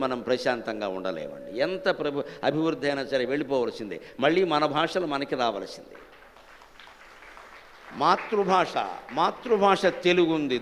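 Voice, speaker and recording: A man's voice: a little high, big-room sound. A man giving a religious discourse, emphatic and scornful, firing off rhetorical questions at his audience. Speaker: spiritual discourse speaker. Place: temple hall in front of a live audience.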